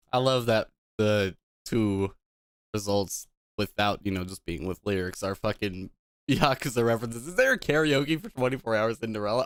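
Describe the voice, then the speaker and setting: A man's voice: lowish voice, fairly bright tone, clear, resonant tone, no echo, studio quality. A tipsy man, a gaming streamer, chatting casually on a live stream into a desk microphone, rambling, swearing casually and laughing at himself.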